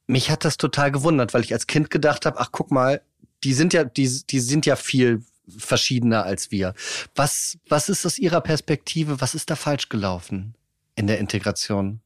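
A man from Franconia conducts a political interview, asking long, winding questions and repeating words as he goes. His voice sits at a mid pitch and sounds dry and close, with no room around it. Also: no room sound. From Franconia, Bavaria.

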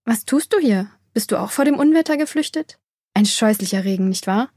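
A bold young girl with a bright, lifted voice and a breathy edge, bossy at first but kind underneath, as a woman reading a storybook puts her on. She speaks slowly and clearly when she explains things, in a dry, close recording. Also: a little high, animated, no room sound. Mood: stern. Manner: scolding then friendly, explaining slowly. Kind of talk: audiobook character voice.

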